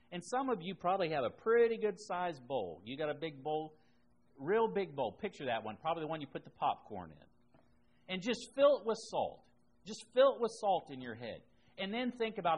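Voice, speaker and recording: A man's voice: on the high side, breathy edge. A man teaching a Bible class in a conversational way, reading scripture aloud and then explaining it with asides.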